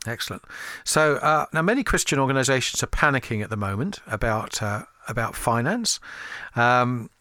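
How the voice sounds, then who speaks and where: A man's voice: mid-range voice, expressive, normal speed, pushed and bright, dry recording, clean studio sound. A man hosting a radio interview show with a polished presenter delivery.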